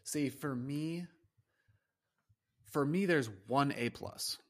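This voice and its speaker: A man's voice: fairly high pitch, takes it slowly. A man co-hosting a casual sports chat, running through records in a dry, matter-of-fact way. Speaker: co-host.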